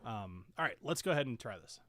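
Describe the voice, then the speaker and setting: A man's voice: mid-range voice, animated, quick pace, a bit bright. A man hosting a casual live-stream whiskey tasting, rambling with fillers and self-corrections and sometimes talking with his mouth full. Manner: talks while chewing and sipping.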